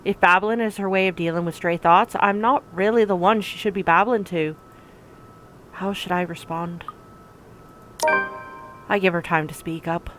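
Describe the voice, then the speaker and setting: A woman reading first-person narration from a visual novel aloud in an even, reflective way. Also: fairly low pitch, normal speed, pauses often, music in the background, poor audio. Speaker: let's play narrator.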